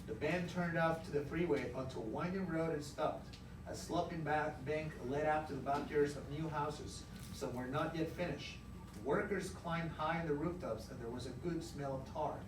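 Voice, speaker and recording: In a noisy, echoing classroom, a man with a fairly high voice reads a storybook aloud to young pupils at a moderate pace. He reads expressively and asks the children questions in an encouraging, emphatic tone, all picked up by a distant microphone.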